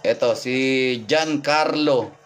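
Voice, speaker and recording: A man's voice: a little high, slow pace. A man working as a folk healer, reading signs live on stream, repeating himself and thanking viewers by name over faint background noise. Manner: repetitive, thanks viewers by name, points things out.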